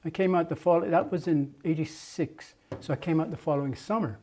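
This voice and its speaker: A man's voice: on the high side, fairly quick, mellow. An older man from Jamaica, a muralist, recalling his past at length in an oral history interview, with many restarts and fillers.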